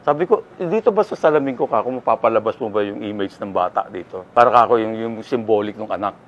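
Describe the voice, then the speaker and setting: Older man telling an animated story. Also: on the low side, fast, dull audio. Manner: animated storyteller who acts out what people said. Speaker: singer-songwriter guest. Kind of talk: casual storytelling interview.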